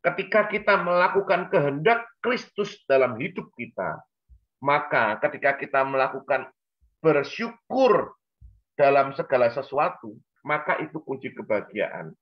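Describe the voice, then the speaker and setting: A man with a fairly high voice tells a story on a church talk show. He is animated and acts out the voices of the people in his story. The recording sounds dull and lo-fi. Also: normal speed.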